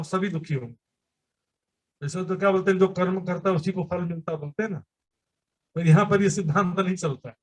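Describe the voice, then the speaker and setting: High-voiced man preaching with rhetorical questions. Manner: explains with everyday examples and rhetorical questions. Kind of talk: sermon. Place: temple gathering.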